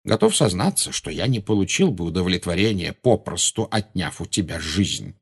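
A man voicing Dumbledore, a calm old wizard. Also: sits low, gravelly, breathy edge, full character voice. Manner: soft-spoken, unhurried. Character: calm old male wizard, unshakably composed.

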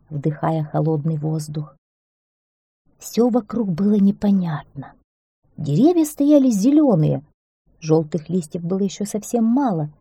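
A woman storyteller reading a children's tale aloud in an expressive, unhurried way. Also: lowish voice, slightly rough, no echo, studio quality.

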